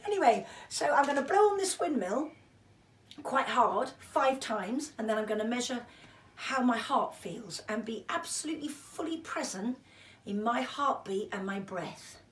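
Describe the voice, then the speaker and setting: A woman with a fairly high voice teaches breathing exercises in a chatty, self-deprecating style. She sounds encouraging and informal. The recording is echoey, with the microphone some way off. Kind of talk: informal instructional video, chatty demonstration. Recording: roomy echo, distant microphone.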